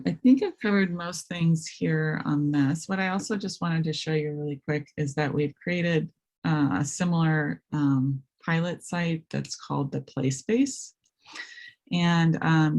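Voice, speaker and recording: A woman with a raspy voice presenting a webinar, walking through software step by step with many hesitant ums. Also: low-pitched, measured pace. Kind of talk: screen-share software walkthrough.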